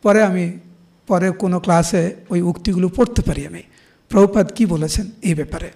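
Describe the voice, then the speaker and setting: A middle-aged man with a Bengali accent giving a devotional scripture class, explaining with everyday examples and slowing down to recite verses. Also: high-pitched, gravelly, warm tone. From India. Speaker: preacher.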